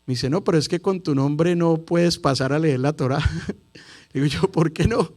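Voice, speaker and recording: A middle-aged man gives a sermon to his congregation in a fairly high voice for a man. He tells stories and sometimes sings out the words like a cantor. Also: normal speed, a little mellow. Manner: storytelling preacher who sings out key words. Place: congregation hall.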